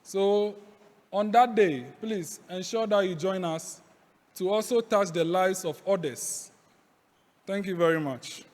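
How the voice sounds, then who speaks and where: A man's voice: high voice, takes it slowly, a little mellow. A man with a Ghanaian accent makes formal podium announcements as master of ceremonies in a large hall. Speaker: master of ceremonies at a youth parliament sitting. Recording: echoey hall, long reverb.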